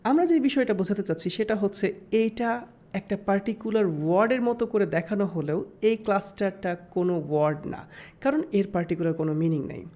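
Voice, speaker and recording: A woman giving a recorded English grammar lesson, explaining step by step and slowing down to sound out example words. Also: medium pitch, warm tone.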